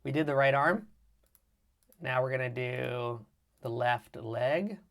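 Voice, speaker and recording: Throat-clearing man walking through software steps. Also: mid-range voice, slow pace. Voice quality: slight vocal fry. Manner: narrates each click and step as he works. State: keeps clearing his throat. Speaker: 3D animation presenter. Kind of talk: live software tutorial. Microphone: mic with problems on a livestream.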